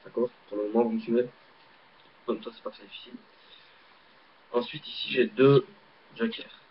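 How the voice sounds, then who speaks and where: Recorded through a laptop webcam, with flat lo-fi audio and a slight hiss, a husky medium-pitched man talks at a moderate pace. He's a hobbyist magician with a Belgian French accent, demonstrating a card trick in a meandering, halting way packed with fillers.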